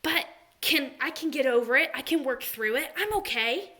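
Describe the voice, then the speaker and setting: A young woman teaching second graders a word lesson, animated and sing-song, gasping with excitement as she talks to the children. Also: sits high, normal speed. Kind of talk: remote read-aloud lesson for young children.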